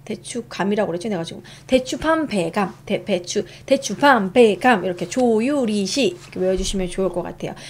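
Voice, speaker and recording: A woman's voice: mid-range voice, expressive, fairly quick, few pauses, a little mellow. A young woman streaming a casual history lesson, chatty, reading notes aloud and reacting to her chat.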